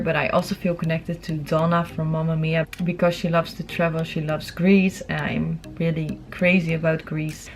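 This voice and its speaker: Sitting in a room at home, a young woman with a low-pitched voice does a relaxed Q&A for her vlog, talking informally to the camera. There's slight background noise.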